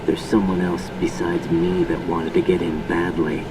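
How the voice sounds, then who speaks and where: A man's voice: low voice, flat delivery, moderate pace, natural voice. An actor playing a cool special forces infiltrator in a video game, terse and matter-of-fact, his voice distant in a noisy recording. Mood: businesslike. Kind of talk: video game voice acting, radio reports.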